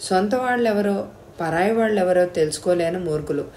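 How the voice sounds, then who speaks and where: Woman reader doing a bald, bullying older tycoon, loud and scolding, audiobook figure. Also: fairly low pitch, brisk, a little hiss or hum, close to an everyday voice. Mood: grumbling. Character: hot-tempered heavyset bald older rich man.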